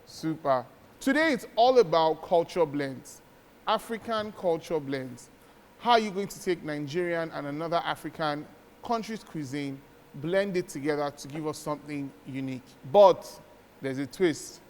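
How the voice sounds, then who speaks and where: A man's voice: on the high side, animated, normal speed, a little hiss or hum. A man hosting a cooking competition, energetically announcing instructions to the contestants in a studio kitchen. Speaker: host. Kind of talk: hosting a reality cooking show. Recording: reverberant set with music.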